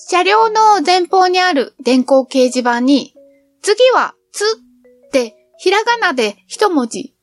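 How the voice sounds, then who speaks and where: A middle-aged travel vlogger recounts her travels in a cheerful, chatty way over faint background music. Her high voice moves in lively, animated swoops.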